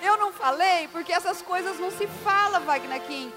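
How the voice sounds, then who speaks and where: A woman playing a demanding, dramatic wife in an amateur church skit, with a high, whiny, emotional way of talking. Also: moderate pace, over music. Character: demanding, dramatic young wife wanting roses.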